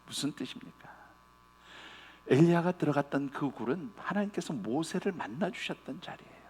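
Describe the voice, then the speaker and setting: A man's voice: fairly high pitch, lively intonation, moderate pace, a little mellow, slightly rough. A man preaching a sermon as pastor, speaking earnestly and directly to his congregation and retelling scripture in everyday speech.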